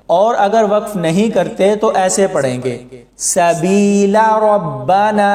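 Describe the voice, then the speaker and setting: A man teaching Quran reading in a slow explanatory lesson, with a Pakistani Urdu accent, drawing out the words he recites. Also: sits high, a little mellow. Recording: echoey room with long reverb.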